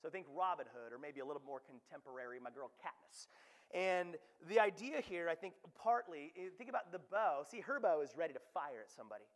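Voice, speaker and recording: Guy preaching in a church, pretty high voice, lots of reverb, chatty and lively. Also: brisk. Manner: animated, conversational preaching with playful asides. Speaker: pastor. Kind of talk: sermon. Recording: long hall reverb.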